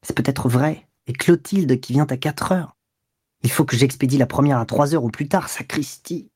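A man's voice: medium pitch, moderate pace, a little mellow, husky, no room sound, lightly acted. Male reader playing a harsh, scornful young lover, storybook reading, brusque, dry close sound. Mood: grumbling. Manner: brusque, sneering. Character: curt, scornful young man, a cynical lover.

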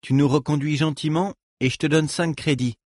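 A man voicing a blunt, sharp-tongued female bodyguard in an audiobook, curt and commanding. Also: on the high side, fairly even intonation, moderate pace, no room sound, studio quality, pitched above the performer's own voice, natural voice.

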